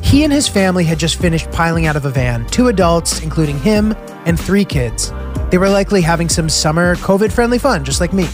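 A man's voice: fairly high pitch, sing-song, fairly quick. American man narrating a travel diary. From United States. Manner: casual, filler-heavy with frequent "like". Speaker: podcast host. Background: music.

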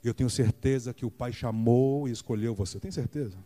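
A Brazilian man preaching a Sunday sermon in a church, retelling a Bible story and acting out the voices of the people in it with big jumps in pitch. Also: brisk, dark tone. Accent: Brazilian Portuguese. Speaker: pastor.

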